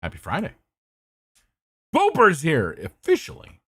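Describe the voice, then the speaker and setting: A young man streaming a mystery game and puzzling over clues out loud. His pitch moves a lot as he talks. He jumps between thoughts, swears, and stops to greet viewers. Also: big pitch swings, normal speed, no echo. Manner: thinking aloud, scattered, swearing, greeting chat. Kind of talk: casual gameplay commentary.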